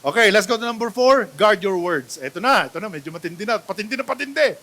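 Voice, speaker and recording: A Filipino pastor preaching in a church, his voice high and bright. He keeps checking with the congregation, asking "di ba?" and "right?". He swings from loud exclamations to soft asides. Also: animated, quick pace. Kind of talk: sermon, Taglish preaching. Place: church sanctuary.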